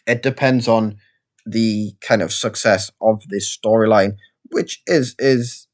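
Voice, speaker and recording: A man's voice: lowish voice, steady tone, slow. A man with a Geordie accent giving casual, rambling let's-play commentary in a chatty, self-deprecating way. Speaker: gaming video creator.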